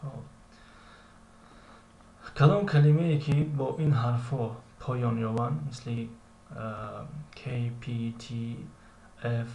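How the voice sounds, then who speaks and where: A man with a Tajik accent teaching English, reading English lines slowly and explaining them with frequent hesitations. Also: medium pitch, vocal fry, dark tone. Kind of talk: recorded language lesson. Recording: echoey room with faint ambient noise.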